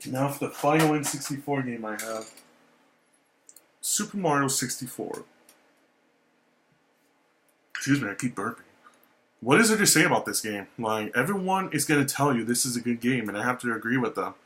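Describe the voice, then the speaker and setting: Young male vlogger, laid-back and rambling, average pitch, casual swearing. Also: fast talker. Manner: relaxed, rambling, repeats himself, swears casually. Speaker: YouTuber showing his game collection. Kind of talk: casual vlog talk.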